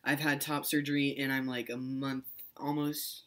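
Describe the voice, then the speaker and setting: A man's voice: mid-range voice, flat delivery, normal speed, fairly bright tone. A young man talking casually to camera in a vlog, rambling with restarts and fillers. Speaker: vlogger.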